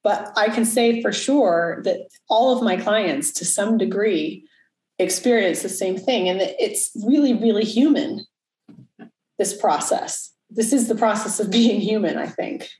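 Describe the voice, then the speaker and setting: A woman's voice: mid-range voice, a little slow, a little mellow, roomy sound, rough recording. A woman in her early forties, a coach, talking frankly and reflectively in casual chat, cursing now and then. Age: 40s.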